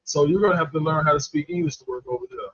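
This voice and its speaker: A man's voice: fairly high pitch, racing, a bit bright, no room sound. A man co-hosting a comedy chat show, telling blunt, heated, profanity-filled stories and acting out the quotes. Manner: blunt, heated, swears constantly, acts out quotes. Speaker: co-host. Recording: dull lo-fi stream audio, dry.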